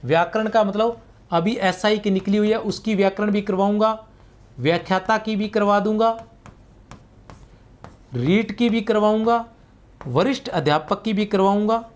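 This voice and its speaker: A man's voice: sits high, a little slow, long pauses. Patient man teaching a grammar lesson. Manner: patient, repetitive explaining, frequent "theek hai na" checks. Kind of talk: exam-prep grammar lesson.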